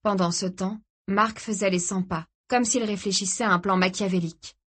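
A woman's voice: medium pitch, steady tone, moderate pace, fairly bright tone, slightly rough. Woman narrating a thriller audiobook. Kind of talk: scripted narration.

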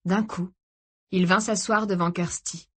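A woman reading a novel aloud as an audiobook narrator, steady and even. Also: fairly low pitch, unhurried, breathy edge. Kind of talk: scripted narration.

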